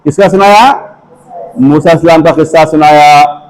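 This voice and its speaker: A man teaching children Islamic manners, speaking slowly and repetitively, asking questions and repeating phrases for them. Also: a little high, fairly even intonation, a little mellow, rough recording. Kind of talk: slow, repetitive instructional talk.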